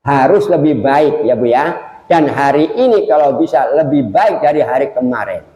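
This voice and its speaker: An older man preaching at a mosque study gathering, lively and joking, talking straight to the congregation. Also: medium pitch, normal speed. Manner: lively, jokey, addresses audience directly. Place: large mosque hall. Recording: echoey mosque hall.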